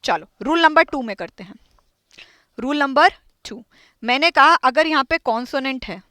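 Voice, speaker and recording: Bright high-voiced woman teaching grammar. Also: expressive, moderate pace, no echo. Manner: quizzing students, repeating and drilling points. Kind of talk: classroom lesson.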